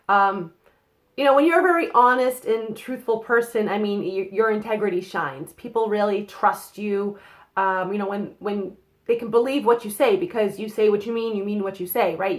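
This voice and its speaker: A young woman with a cold gives her viewers a casual tarot-style reading to camera, her medium-pitched voice slightly nasal. She's a chatty psychic card reader, full of fillers and quick "okay?" check-ins.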